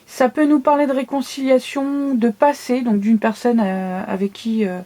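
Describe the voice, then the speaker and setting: A woman talks with a lisp from her new braces in a fairly high, very mellow voice. She reads tarot cards casually, explaining as she goes and checking that you follow. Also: steady tone, moderate pace. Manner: conversational, explanatory, often checks listener follows. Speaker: tarot card reader. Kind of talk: casual monthly tarot reading to viewers.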